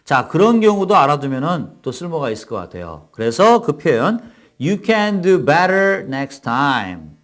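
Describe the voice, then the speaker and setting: Slow, lively-pitched male language teacher. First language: Korean. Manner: slow, carefully enunciated English model phrases between brisk explanations. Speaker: English teacher. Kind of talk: language lesson with repeat-after-me drills.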